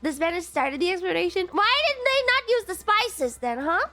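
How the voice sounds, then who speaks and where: A woman in her twenties chatting casually on a livestream in a cute, excitable anime-streamer manner, giggly and playful. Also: very high voice, normal speed, faint music behind. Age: 20s. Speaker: VTuber livestreamer. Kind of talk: casual livestream chat, reacting to viewer messages.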